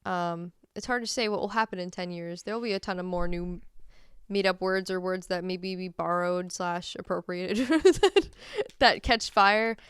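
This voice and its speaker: A woman co-hosting a podcast, chatting casually and rambling from thought to thought with frequent laughs. Her voice is exceptionally smooth and clear. The sound is dry and close, with no room echo. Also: lowish voice, moderate pace, fairly bright tone. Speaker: podcast co-host. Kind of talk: casual chat. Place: Massachusetts.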